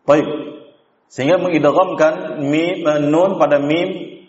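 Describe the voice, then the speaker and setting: A man's voice: on the high side, fairly even intonation, slow, breathy edge. Male teacher explaining recitation rules, lo-fi. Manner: explains step by step, quizzing students with questions; breaks into chanted recitation of examples. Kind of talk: classroom tajwid lesson. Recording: dull lo-fi class recording.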